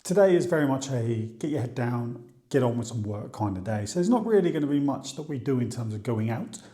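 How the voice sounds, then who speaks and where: A man's voice: mid-range voice, lively intonation, fairly quick, dark tone. A man from the UK talking casually to camera in a vlog, chatty and thinking aloud. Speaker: vlogger. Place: outdoors by the sea, then at home.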